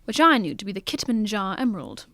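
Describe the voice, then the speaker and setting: A woman playing Sherlock Holmes, a shrewd, commanding gentleman detective with formal, measured phrasing in an old-fashioned radio mystery. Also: medium pitch, sing-song, no room sound, studio quality. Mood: knowing calm.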